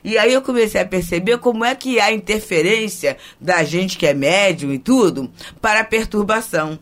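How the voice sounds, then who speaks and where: Woman medium, reflective storyteller, measured and teacherly. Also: mid-range voice. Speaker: spiritist medium and guest.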